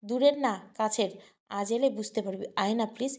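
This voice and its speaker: A woman's voice: on the high side, fairly quick, natural voice. Woman voicing an eager pleading young hostess.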